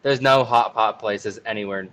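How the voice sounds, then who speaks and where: A man's voice: fairly low pitch, normal speed, fairly bright tone, a little hiss or hum. A man co-hosting a casual podcast, speaking hesitantly and often trailing off. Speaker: podcast co-host.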